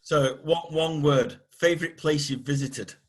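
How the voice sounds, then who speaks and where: A man moderating a career webinar panel, speaking haltingly with many "uh"s. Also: on the high side, fairly even intonation. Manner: halting, heavy on "uh".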